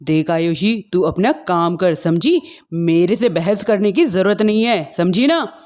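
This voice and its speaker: A woman's voice: lowish voice, expressive, measured pace, a little mellow, pitched below the performer's own voice. A woman voicing a cold, bossy middle-aged stepmother scolding her daughter-in-law in a family drama story. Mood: stern, scolding.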